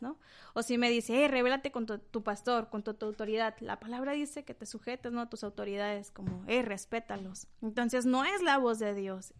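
A woman's voice: a little high, fairly bright tone, clean tone. Earnest woman co-hosting a faith talk. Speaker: co-host.

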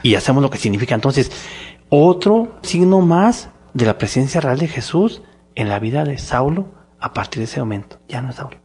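A man's voice: medium pitch, normal speed, husky. A man with a Mexican Spanish accent co-hosting a casual religious discussion podcast, telling stories with energy and acting out the dialogue. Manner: animated storytelling, acts out dialogue. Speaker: podcast co-host.

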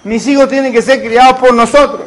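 A man's voice: very high voice, steady tone, fairly quick, rough recording. A man, preaching a sermon as a pastor and asking the congregation rhetorical questions.

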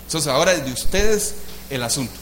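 A man's voice: a little high, lively intonation, brisk, fairly bright tone, reverberant, slight background noise. Fatherly God, as a preacher puts him on. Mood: solemn. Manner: familiar and fatherly, calls Abraham "mijo". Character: God speaking as a patient, fatherly male voice.

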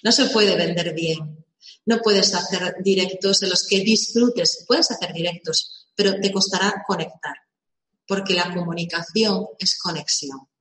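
A woman with a fairly bright voice on the low side talks a little slowly during a live session on visibility. Motivational in tone, she uses rhetorical questions and word repetition for emphasis, with a roomy echo around her.

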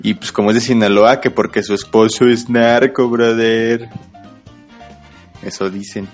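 A man's voice: medium pitch, little pitch movement, unhurried, faint music behind. A man with a Mexican accent co-hosting a live podcast, sharing gossip in a laid-back way. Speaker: podcast co-host. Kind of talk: casual live podcast banter.

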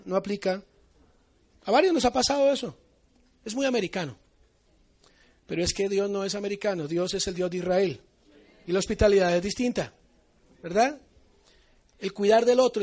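Lively Colombian man teaching a sermon. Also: sits high. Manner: animated, acts out everyday dialogues in the talk. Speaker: congregation teacher.

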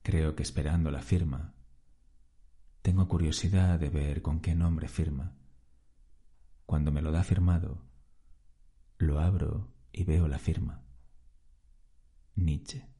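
Man, podcast story narration, very low pitch, dark mellow tone, calm and wry. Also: slow pace, long pauses. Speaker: podcast host. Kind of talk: first-person story narration.

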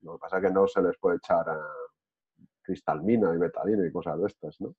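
Low husky man on a tinny line. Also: fairly quick. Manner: reflective, lots of hesitation fillers and restarts. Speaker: discussion participant. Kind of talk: casual group discussion.

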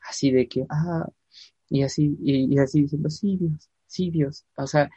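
A man's voice: fairly high pitch, husky, no echo, muffled recording. A man telling a church testimony in a casual chat, acting out the voices of people in his story. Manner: animated storyteller, acts out quoted voices, slows down for emphasis.

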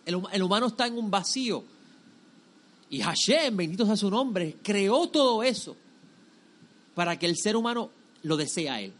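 A man giving a sermon-like religious lesson to a group, emphatic and didactic, often repeating phrases and asking rhetorical questions. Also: high voice. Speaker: religious teacher.

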